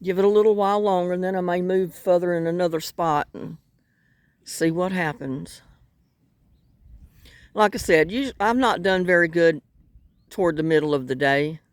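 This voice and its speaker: A woman's voice: on the low side, moderate pace, long pauses, smooth, no echo. An older woman with a North Carolina Southern accent, chatting in a rambling, folksy way while fishing outdoors by the water. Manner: rambling, folksy, self-deprecating. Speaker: vlogger. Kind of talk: casual chat while fishing.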